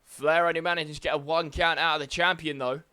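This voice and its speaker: A man calls a wrestling video game move by move, his commentary excited and full of exclamations. His voice sits a little high and moves fairly quickly.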